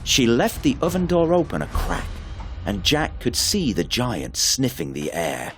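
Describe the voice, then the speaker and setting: Guy reading a fairy tale slow, voice goes way up and down, soft music behind. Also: medium pitch. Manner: expressive, unhurried reading. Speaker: storyteller. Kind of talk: storybook narration.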